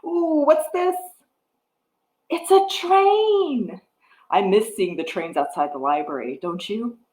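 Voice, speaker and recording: A woman in her forties reading a picture book aloud to toddlers in a sing-song way, pausing to ask them simple questions. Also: on the low side, sing-song, darkish tone. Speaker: children's storytime host. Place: wood-floored living room with a piano, indoors. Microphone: webcam or device mic at about arm's length. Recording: echoey room, device microphone.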